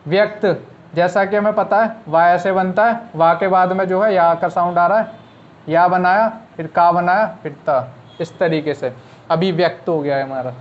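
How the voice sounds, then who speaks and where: High-voiced male shorthand teacher, lo-fi. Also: fairly even intonation, moderate pace. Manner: patient, asks rhetorical questions and answers them. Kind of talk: explaining step by step in an online class.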